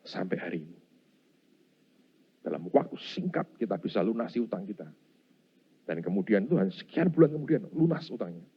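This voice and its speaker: Brisk yet punctuated by long pauses, a middle-aged pastor's lowish, slightly rough voice carries his sermon. He plays out scenes with animation and keeps calling the people "Saudara," all in dull lo-fi audio.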